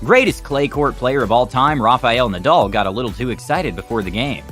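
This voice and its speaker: Fast, lively male narrator over music. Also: medium pitch. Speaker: narrator of a video compilation. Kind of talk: scripted narration. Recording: background music under voice.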